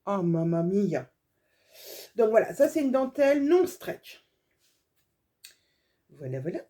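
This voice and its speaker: A woman's voice: medium pitch, very animated, slow pace, mellow. A woman sewing vlogger chatting casually through a haul video, gushing over small details with lots of fillers.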